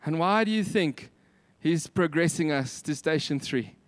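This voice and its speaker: High-pitched South African Afrikaans preacher, a man. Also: expressive, measured pace, no echo. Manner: emphatic rhetorical questioning and repetition. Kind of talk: sermon.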